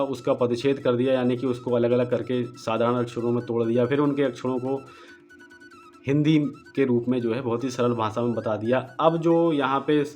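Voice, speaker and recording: Man glossing Sanskrit verses slowly. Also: medium pitch, darkish tone. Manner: slow deliberate word-by-word glossing of Sanskrit. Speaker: Gita book presenter. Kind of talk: explanatory book walkthrough.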